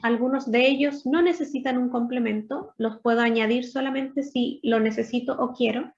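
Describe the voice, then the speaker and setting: A woman teacher speaks in a high voice, patiently walking through each point in a recorded online lesson. She slows down to model English words. The sound is dull and lo-fi. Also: fairly even intonation. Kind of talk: recorded online lesson explaining grammar and pronunciation.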